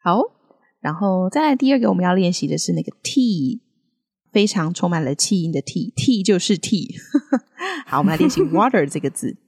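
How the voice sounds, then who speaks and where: A low, slightly husky woman leads a chatty podcast lesson. Her pitch swings widely as she demonstrates words slowly and laughs often. The tone is relaxed and friendly. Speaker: podcast co-host teaching English accents. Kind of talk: casual language-lesson chat.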